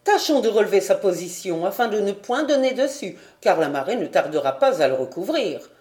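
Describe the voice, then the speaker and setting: A woman reading aloud, voicing a lively, learned gentleman making earnest remarks. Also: high voice, brisk, echoey room. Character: excitable learned male geographer.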